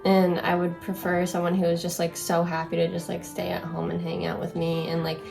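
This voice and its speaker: A woman's voice: on the low side, monotone, brisk, vocal fry, a little mellow, soft background music. A young woman in casual chat, asking questions and teasing in a dry way. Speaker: co-host.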